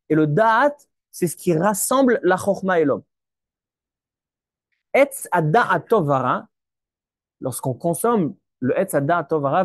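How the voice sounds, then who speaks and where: Here a man with a fairly high voice, captured in studio quality without any room sound, teaches Torah as a rabbi. His method is stepwise explanation, answering his own questions, with Hebrew words mixed in; he tends to repeat himself while hunting for words.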